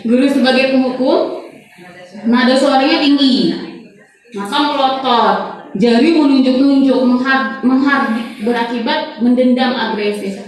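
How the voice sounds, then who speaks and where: A woman's voice: high voice, a little slow, pauses often. A woman teacher presenting a training module to fellow teachers, talking casually with many fillers. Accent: Indonesian. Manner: chatty, many fillers, frequent soft laughs. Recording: very echoey room, voice far off.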